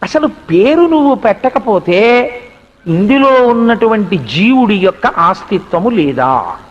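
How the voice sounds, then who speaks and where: A male spiritual speaker voicing a wise, enlightened queen who asks calm, probing questions, recorded in a reverberant hall. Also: high voice, a little slow, highs cut off, full character voice. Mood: knowing.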